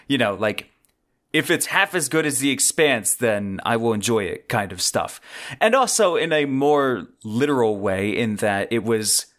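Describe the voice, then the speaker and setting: A man hosts a solo podcast, speaking into a close desk microphone on a boom arm with semi-scripted commentary that's wordy, enthusiastic and conversational. His medium-pitched voice is expressive and fairly bright, at a measured pace.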